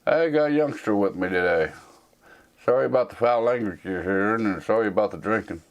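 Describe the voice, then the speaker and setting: A US man in his 40s, low-pitched and talking a little fast, rambles through a casual Q&A as the host answering viewer questions. His plain-spoken, folksy chatter is heavy on fillers, and the recording has its highs cut off.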